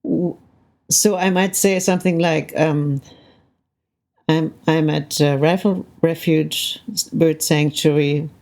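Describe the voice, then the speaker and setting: Slow and steady, this older woman speaks in a deep, slightly mellow voice. A Canadian soundscape composer, she gives a thoughtful, reflective interview, often checking in with "right?".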